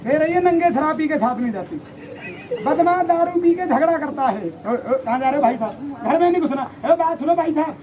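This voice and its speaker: High-voiced rowdy street performer man. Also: animated, fairly quick. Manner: rowdy, teasing, voices several characters. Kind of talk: street show patter to a crowd. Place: outdoors on a busy street. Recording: noisy outdoor crowd recording.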